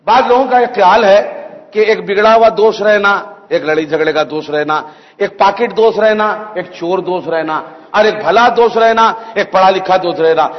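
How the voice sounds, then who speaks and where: A man preaching a sermon, animated and telling humorous anecdotes with emphatic peaks. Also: high-pitched. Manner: animated, acts out characters and rises to emphatic peaks. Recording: echoey hall, dull sound.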